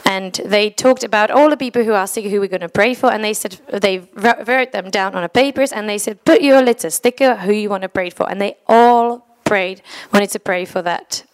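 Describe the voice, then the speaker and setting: Addressing a church congregation, a woman from the Czech Republic speaks English as a second language in a mid-range voice with a Czech accent. Her English is slightly broken but earnest, and she laughs when she slips up.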